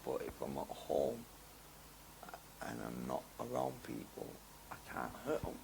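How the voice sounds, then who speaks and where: At a measured pace, a young man gives candid interview answers in a fry-edged, gravelly voice. His slangy rambling rises to loud excitement and sinks to quiet mumbles, with faint noise underneath.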